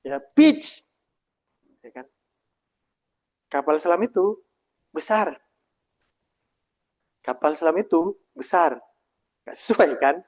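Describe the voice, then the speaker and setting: High-voiced, lively male workshop trainer. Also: takes it slowly, pauses often. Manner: lively, emphatic, keeps asking the audience for replies. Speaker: presentation trainer. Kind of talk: live workshop teaching. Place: meeting room with a live audience and a video call.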